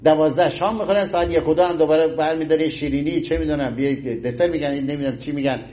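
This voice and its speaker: A middle-aged man giving an informal health talk in an animated, folksy way, acting out little everyday scenes. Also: fairly high pitch, highs cut off. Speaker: health lecturer.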